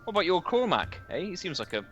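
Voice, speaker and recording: A man's voice: sits high, big pitch swings, fast talker, fairly bright tone, soft background music, voice pushed up, full character voice. A man doing a chatty Bristolian villager. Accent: put-on Bristolian. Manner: gossipy, rambling, calls people mate. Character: chatty friendly male villager wagon driver.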